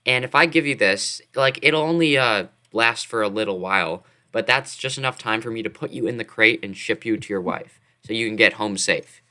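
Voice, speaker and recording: Bright-voiced man playing a tabletop game. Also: fairly low pitch, moderate pace. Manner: animated, restarting often. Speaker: player. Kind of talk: casual tabletop play.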